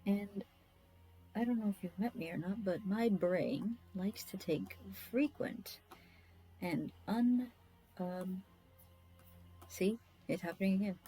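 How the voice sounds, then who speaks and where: A woman's voice: mid-range voice, takes it slowly, pauses often, warm tone, a little hiss or hum, poor audio. A woman chatting casually while she draws, rambling, scattered and self-deprecating, often muttering to herself. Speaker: artist streaming a drawing session.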